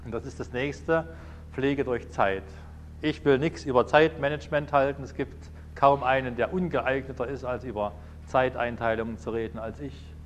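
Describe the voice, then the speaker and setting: A man's voice: mid-range voice, fairly even intonation, moderate pace, a little hiss or hum. German man preaching on marriage. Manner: anecdotal, acts out dialogues in varied voices. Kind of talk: sermon.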